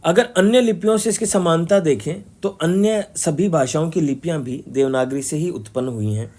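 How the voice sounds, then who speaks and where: A man giving a classroom lecture, explaining step by step, slowly sounding out syllables and often checking that students follow. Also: fairly high pitch, a little mellow. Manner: explanatory, repeats key terms and checks understanding. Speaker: teacher.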